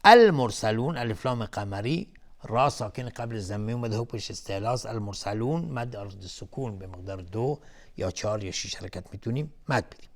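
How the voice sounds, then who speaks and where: A man hosting a televised Quran recitation lesson, chanting each verse slowly and melodically, then calmly explaining the recitation rules word by word. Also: lowish voice. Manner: calm, methodical, repeats each word while explaining. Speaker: Quran recitation teacher and host.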